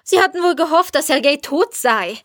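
A woman reading the part of a passionate, stubborn woman who speaks emphatically and high. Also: animated, moderate pace, no echo, studio quality. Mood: indignant.

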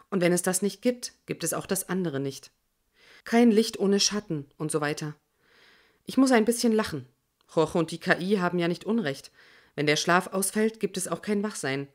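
A woman narrates a first-person audiobook in a measured, reflective way. Her voice sits a little low for a woman. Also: a little mellow.

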